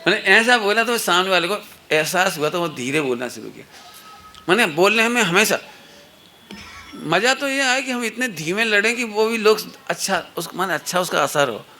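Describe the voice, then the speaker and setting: Middle-aged male spiritual teacher, high bright voice, anecdotal and playful, faint room ambience behind. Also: animated, moderate pace, a little hiss or hum. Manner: anecdotal, playfully acts out quoted people. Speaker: religious teacher. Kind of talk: satsang discourse to children and parents.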